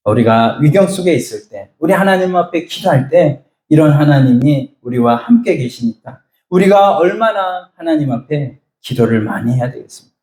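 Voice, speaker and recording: Pastor preaching in an echoey room. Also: male voice, a little high, animated, moderate pace, darkish tone. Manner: storytelling, acts out voices, asks the congregation questions. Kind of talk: sermon.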